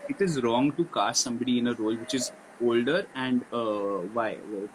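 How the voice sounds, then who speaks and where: A man's voice: mid-range voice, moderate pace, background noise. A man hosting an interview, asking long questions with hesitations and restarts. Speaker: interviewer, host. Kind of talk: interview conversation.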